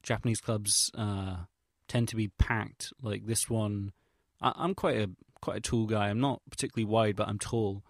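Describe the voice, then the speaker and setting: A young English vlogger with an English accent speaks in a low, creaky, steady voice at a moderate pace, hardly pausing. The studio sound is clean with no room sound, and he recounts things in a rambling, casual audio log, hesitant and self-deprecating, with slang and swearing.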